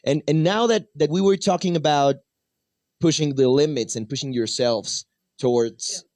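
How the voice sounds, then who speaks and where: A male radio host, interviewing a guest and asking long, halting questions that repeat words. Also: a little high, darkish tone, no room sound, clean studio sound. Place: radio booth.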